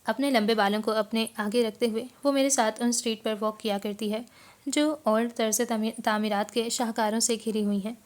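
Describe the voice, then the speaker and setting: Woman narrating a novel, somewhat high voice. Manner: measured, expressive storytelling. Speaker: audiobook narrator.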